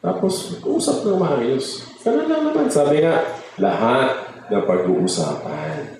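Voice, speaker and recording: A man's voice: medium pitch, big pitch swings, slow, darkish tone. A man giving a conversational sermon as a lay preacher, joking and often prompting the congregation for amens. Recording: very echoey hall with faint noise.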